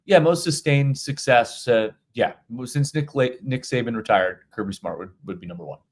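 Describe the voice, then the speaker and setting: A middle-aged man co-hosts a podcast, chatting casually about college football in a mid-range voice at a moderate pace. His talk is full of restarts and repeated words.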